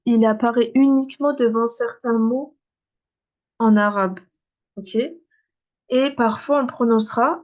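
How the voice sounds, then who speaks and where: A woman teaching beginners to read Arabic, patiently repeating words slowly and checking in with "ok?". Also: on the high side. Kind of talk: beginner lesson.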